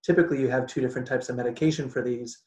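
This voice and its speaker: A man's voice: medium pitch, steady tone, very fast, a little mellow. A Canadian man from Canada, a podcast guest talking in casual interview chat, restarting sentences and laughing often. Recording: roomy echo.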